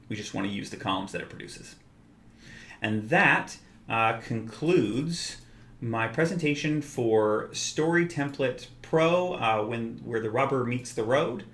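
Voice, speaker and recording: A man walking through a software tool in a relaxed tutorial, explaining step by step with frequent filler words. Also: medium pitch, a little hiss or hum. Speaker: software developer demonstrating his tool. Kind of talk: screen-recorded software tutorial. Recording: roomy echo.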